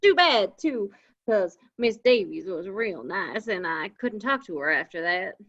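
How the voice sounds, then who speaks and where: A woman's voice: medium pitch, big pitch swings, measured pace, fairly bright tone, exaggerated voice. A woman doing a folksy cowboy-drawl young man. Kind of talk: live script reading. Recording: dull lo-fi audio.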